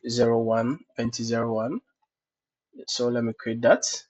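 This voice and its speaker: Step by step and with plenty of "okay, so" fillers, a tutorial host with a cold narrates a screen-recorded cloud lab. He speaks flatly and unhurriedly in a mid-range, darkish voice. The recording has dull, lo-fi screencast quality.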